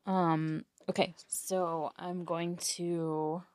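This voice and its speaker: A woman's voice: on the low side, flat delivery, drawn-out words, a little mellow, no echo. Shy, stammering woman player. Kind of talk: tabletop game role-play.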